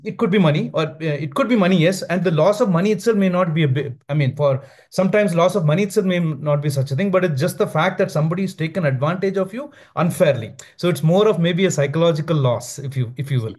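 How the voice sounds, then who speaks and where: A man's voice: on the high side, quick pace, few pauses, darkish tone. A man speaking off the cuff in a discussion, putting his point tentatively and rephrasing as he goes. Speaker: audience member asking a question. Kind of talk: spontaneous question and discussion.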